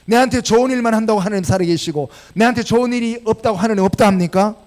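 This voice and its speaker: A man with a Gyeongsang Korean accent preaching a sermon as pastor, animated and firing rhetorical questions at the congregation. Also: sits high, fast talker. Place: church sanctuary.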